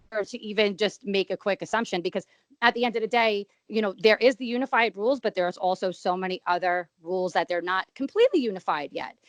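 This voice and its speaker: A woman's voice: on the low side, a bit bright, dry recording. A woman interviewing in a casual, conversational way, effusive and repeating words for emphasis. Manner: effusive, stressing words by repetition.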